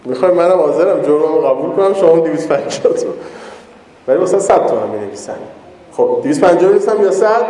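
A man with a high, mellow voice tells jokey stories to an audience. His voice rings out in a large, echoey hall with a long reverb tail. He talks casually and acts out the people in his anecdotes. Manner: storytelling, jokey, animated quoting of others. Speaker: speaker giving a public talk. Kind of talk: informal talk with humorous anecdotes.

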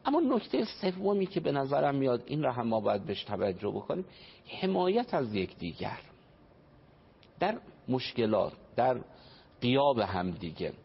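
A man's voice: medium pitch, big pitch swings, vocal fry, breathy edge. A man giving an earnest religious talk on family life as a radio guest, explaining and quoting traditions. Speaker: family counselor. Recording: dull radio broadcast, faint noise.

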